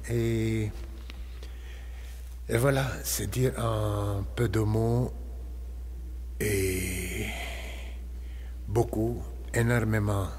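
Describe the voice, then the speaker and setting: A man, giving a slow, measured and reflective personal testimony as a parishioner. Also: on the low side, a little mellow, slight background noise. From Lebanon.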